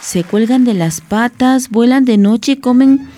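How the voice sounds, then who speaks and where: A woman voicing an excitable young female fruit bat in a storybook reading, with a squeaky, eager voice. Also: measured pace, a faint crowd, lightly acted. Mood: excited. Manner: squeaky, wide-eyed, eager.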